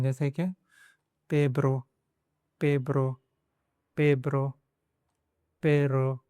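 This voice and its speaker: A man's voice: a little high, darkish tone, no room sound, studio quality. A man teaching a pronunciation lesson in Hindi, repeating each example word several times. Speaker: Spanish teacher.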